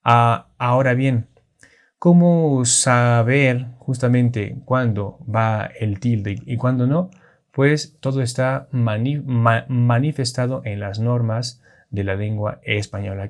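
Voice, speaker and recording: A man's voice: medium pitch, steady tone, slow. A man teaching a lesson on Spanish accentuation, explaining patiently and checking in with his listeners. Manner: patient, explanatory, with frequent restarts and check-ins. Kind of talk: classroom lesson on Spanish grammar.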